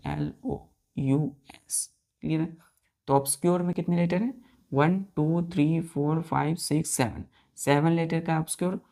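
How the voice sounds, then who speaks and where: Her voice is low, gravelly and dark as she teaches vocabulary, spelling each word one letter at a time and counting the letters out loud. She keeps questioning her students repeatedly.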